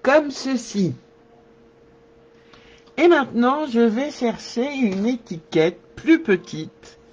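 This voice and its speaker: A man's voice: very high voice, lively intonation, a little mellow, slightly rough, dull audio. A man giving a live card-making tutorial, thinking aloud as he works and answering viewers. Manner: slow, thinking aloud while working.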